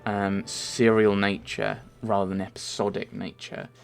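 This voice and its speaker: A young man from Merseyside gives a casual, rambling voice-over answering viewer questions, full of ums and self-corrections. His fairly low, creaky voice is flat and measured, with a clean tone, and faint game music sits underneath.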